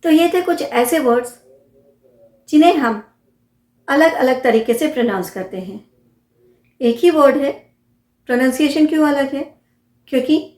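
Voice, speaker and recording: A woman teaching English pronunciation, spelling out words letter by letter and repeating each one slowly. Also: high-pitched, roomy sound. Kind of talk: pronunciation lesson.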